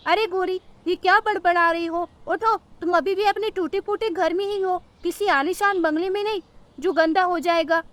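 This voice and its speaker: A woman's voice: very high-pitched, fairly even intonation, moderate pace, fairly bright tone. A woman voicing a cunning, greedy male crow in a cartoon, wheedling as he begs. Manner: wheedling and grasping.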